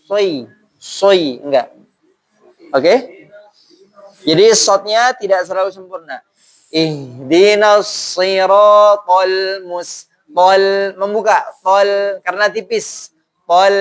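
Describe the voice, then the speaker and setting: High-voiced man teaching slow recitation. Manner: repeats syllables slowly to model pronunciation. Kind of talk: tahsin lesson with call-and-response drilling. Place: mosque.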